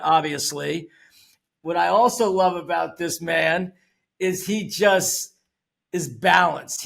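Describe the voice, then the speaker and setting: Older man hosting a podcast, high gravelly voice. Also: fairly bright tone. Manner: upbeat, loose and conversational. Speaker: podcast host. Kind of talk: podcast interview.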